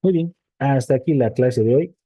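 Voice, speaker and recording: A man's voice: mid-range voice, moderate pace, dark tone, no room sound. A middle-aged man teaching a programming class in a casual way, reading points aloud and explaining them in loose asides, often checking in with his students and restarting his sentences. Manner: reads a list aloud, then explains it in loose chatty asides; checks in with frequent "¿sí?" tags.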